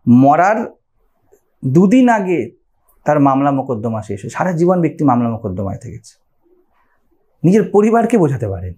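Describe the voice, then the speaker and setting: A man's voice: a little high, very animated, moderate pace, long pauses, dark tone. A man with a Bengali accent giving a spiritual lecture on scripture, explaining step by step and often checking with his listeners through rhetorical questions. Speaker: spiritual teacher.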